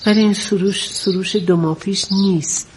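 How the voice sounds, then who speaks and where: A woman's voice: mid-range voice, steady tone, noisy background, close to an everyday voice. An actress playing a worried, doting middle-aged mother who pleads and fusses over her son. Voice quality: pleading, fussing. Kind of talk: family drama acting.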